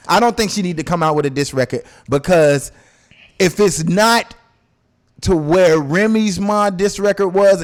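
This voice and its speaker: A man co-hosting a podcast in casual chat, animated and often repeating phrases for emphasis. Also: high-pitched. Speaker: podcast co-host.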